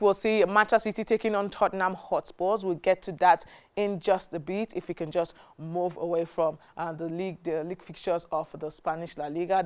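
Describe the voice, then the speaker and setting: A woman with a Nigerian English accent hosts a TV sports segment in a studio. Her voice is smooth and a touch low, and she runs through fixtures casually, with plenty of "um"s and asides. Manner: chatty, many fillers, proud and excited about home team. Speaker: sports presenter. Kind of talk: scripted sports news reading with asides.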